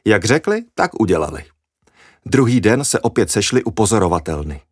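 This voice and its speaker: A man reads a children's story aloud with lively expression. His voice is low and steady. The recording is close and dry, with no room sound. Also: husky, no echo.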